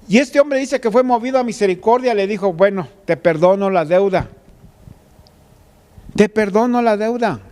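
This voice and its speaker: In a high, slightly mellow voice that is clear and resonant, a male pastor delivers a sermon, narrating a scripture story conversationally. He speaks directly to the listener using "tú."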